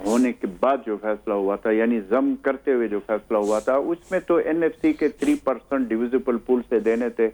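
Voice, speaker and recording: A man who is a guest analyst on a talk show, speaking in a measured way with many hesitations and fillers. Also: medium pitch, darkish tone. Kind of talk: studio talk show discussion. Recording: tinny phone-line sound.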